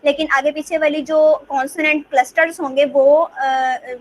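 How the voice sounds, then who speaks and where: A woman teacher lecturing in Hindi, mixing in English terms and reading English definitions slowly before she explains them. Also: high voice, little pitch movement, a little hiss or hum, rough recording. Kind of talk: lecture on rhyme types.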